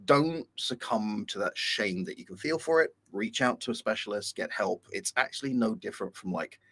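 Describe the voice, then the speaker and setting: A man's voice: lowish voice, lively intonation, moderate pace, a bit bright, husky. A man on a video call, talking candidly and a little rambling in a casual chat. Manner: candid, rambling, self-deprecating. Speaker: co-host.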